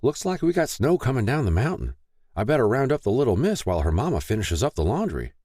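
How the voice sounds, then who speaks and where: A man voicing a gentle, prayerful older country mother with soft, folksy speech. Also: medium pitch, sing-song, fast, dry recording, studio quality, pitched above the performer's own voice.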